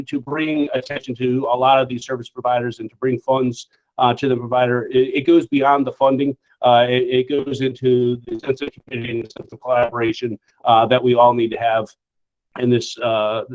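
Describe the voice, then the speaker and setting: Guy on a video call, lots of uhs, friendly and a bit halting, muffled audio. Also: medium pitch, level tone, darkish tone. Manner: informal, halting, lots of "uh" and repeated words. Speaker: state office executive director presenting an award. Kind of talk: virtual ceremony remarks.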